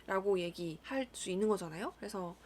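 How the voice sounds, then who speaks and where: Young woman counselor, mid-pitched, musing gently aloud with a few whispered asides. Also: slight background noise. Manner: calm, thoughtful, measured, with soft whispered asides. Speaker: school counselor. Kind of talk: reflective solo monologue.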